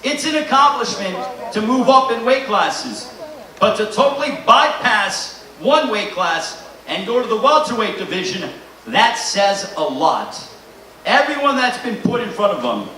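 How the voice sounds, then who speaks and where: Man, showy boxing ring announcer, bright forceful voice, far from mic, heavy room echo. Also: high-pitched. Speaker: press conference host and boxing announcer. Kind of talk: boxing promotional introduction to an audience. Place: large echoey press conference room. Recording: echoey hall, distant mic, faint noise.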